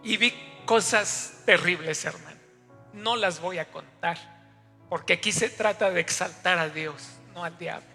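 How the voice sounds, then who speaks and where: Very high, bright-voiced preacher. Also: male voice, measured pace, gravelly. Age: 50s. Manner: storytelling, speaks straight to the congregation. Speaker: pastor. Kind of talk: sermon. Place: church hall. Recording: long church hall reverb, faint music.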